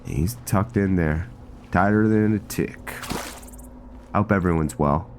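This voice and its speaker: A man's voice: low-pitched, measured pace, a little mellow, slight background noise. A man giving casual let's-play commentary on a role-play game, thinking aloud in rambling, broken-off phrases. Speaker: gameplay host.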